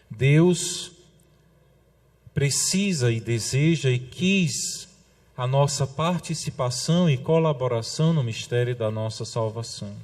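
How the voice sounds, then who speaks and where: Brazilian priest preaching conversationally. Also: male voice, mid-range voice. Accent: Brazilian Portuguese. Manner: conversational preaching with frequent tag questions to the congregation; slows for emphasis on quotations, drops softly at phrase ends. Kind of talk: sermon.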